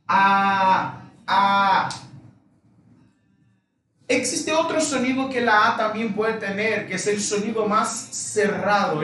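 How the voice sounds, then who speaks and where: Teacher, slow and echoey. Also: male voice, high-pitched, fairly bright tone, far from the mic. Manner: patient, repeats each example word slowly. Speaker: Portuguese teacher. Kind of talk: live online language lesson.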